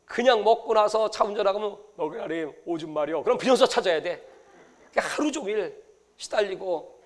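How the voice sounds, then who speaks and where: Middle-aged male pastor, high-pitched, storytelling sermon delivery with big swings in volume. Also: moderate pace. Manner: storytelling, swings from hushed asides to loud exclamations.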